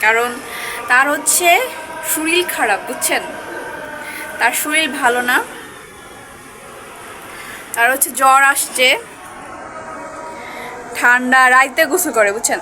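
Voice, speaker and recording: A young woman rambles on to her viewers in a home vlog, her high, bright voice carrying a sore throat from a cold. She talks casually and directly into a phone camera, with a faint hum of the surroundings behind her. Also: low-quality recording. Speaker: vlogger. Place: home, indoors and on a rooftop garden and kitchen.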